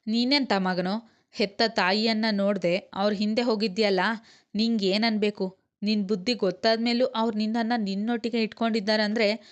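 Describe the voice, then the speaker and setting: A woman's voice: medium pitch, steady tone, normal speed, close to an everyday voice. A woman reading the lines of a spiteful middle-aged mother who scolds her son in harsh, cutting words. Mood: scolding.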